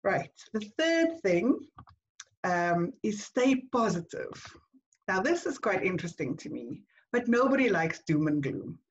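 A South African woman speaks to a networking group in an upbeat, encouraging way, often calling them "guys". Her voice sits at an ordinary pitch for a woman. The recording is somewhat dull and lo-fi. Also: big pitch swings, measured pace. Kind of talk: business presentation to a group.

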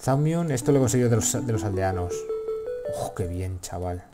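Music plays behind a fairly low-pitched man who talks fairly quickly with lively intonation. He's a gaming video host from Spain with a Castilian accent, rambling casually over gameplay and swearing without restraint.

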